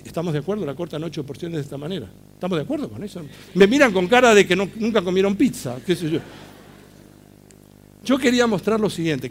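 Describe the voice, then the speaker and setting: A middle-aged man with an Argentine accent giving a public talk, telling stories in an animated way and asking the audience questions. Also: sits high, slight background noise. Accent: Argentine Spanish.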